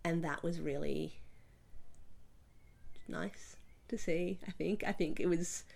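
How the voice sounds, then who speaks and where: A woman's voice: lowish voice, takes it slowly, vocal fry, darkish tone. A young Australian woman losing her voice, chatting at length in an interview with many ums and restarts. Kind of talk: oral history interview.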